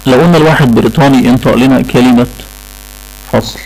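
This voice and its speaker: A man's voice: mid-range voice, fast talker, a little mellow, low-quality recording. A man with an Egyptian Arabic accent lecturing a class on English pronunciation, repeating key points and checking in with the students. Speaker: English teacher.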